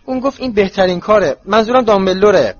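A man's voice: a little high, sing-song, a little mellow, breathy edge, pitched above the performer's own voice. A man voicing an anxious, earnest teenage girl in a storybook reading, in a slightly muffled recording with faint hiss. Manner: pleading, breathless.

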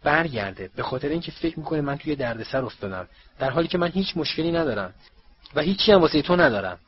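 Short-tempered teenage boy read by a man, loud exasperated outbursts, muffled recording. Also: on the high side, big pitch swings, slightly rough, voice pushed up. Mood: angry. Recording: muffled, faint hiss.

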